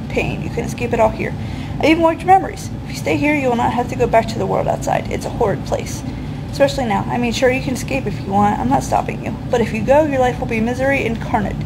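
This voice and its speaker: A woman's voice: fast, vocal fry, noisy background. A woman reading a boastful ancient darkness spirit. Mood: persuasive. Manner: grandiose, booming declarations.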